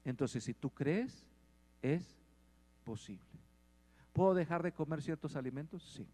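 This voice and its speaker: Preacher with booming hall echo. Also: male voice, lively intonation, a little slow, dark tone. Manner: asks the congregation questions and swells in volume. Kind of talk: sermon. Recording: long hall reverb.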